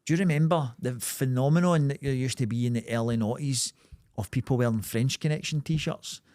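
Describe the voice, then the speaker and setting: A man's voice: mid-range voice, a little fast, a little mellow, no room sound. Scottish male podcast co-host, close dry sound, foul-mouthed and jokey, loose comic banter. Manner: sweary, jokey. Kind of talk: casual comedic banter.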